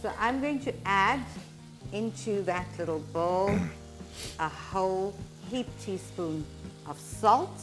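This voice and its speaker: A woman presenting a cooking demonstration, explaining each step instructively with frequent pauses. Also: mid-range voice, lively intonation, music in the background.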